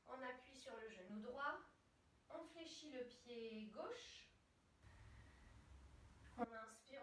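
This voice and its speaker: A soothing female yoga teacher with a high voice guides a gentle class one cue at a time. She speaks slowly and with measured care. The sound is roomy and echoing. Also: slight background noise. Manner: soothing, measured step-by-step cueing. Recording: roomy echo, distant from mic.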